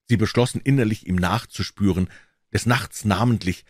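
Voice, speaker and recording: A man reading a novel aloud as an audiobook narrator, telling the story in an expressive, dramatic way. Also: fairly low pitch, normal speed, no echo, studio quality.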